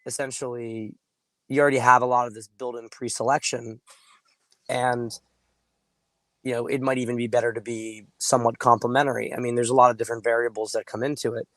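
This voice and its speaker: A man hoarse with laryngitis, sounding muffled, gives casual coaching advice in deliberate, emphatic phrases, now and then clearing his throat. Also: mid-range voice, little pitch movement, fairly bright tone, no echo. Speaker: dating coach and host. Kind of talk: casual straight-to-camera advice talk.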